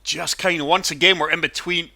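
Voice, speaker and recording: This channel host and player sounds wheezy and congested from a cold as he casually narrates a golf video game. He talks briskly in a fairly high, creaky voice with a sharp edge and mostly even intonation.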